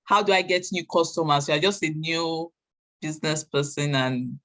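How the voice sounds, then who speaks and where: A woman with a Nigerian accent, informally moderating questions in a hesitant, halting way. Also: low voice, a bit bright. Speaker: moderator of an online business meeting.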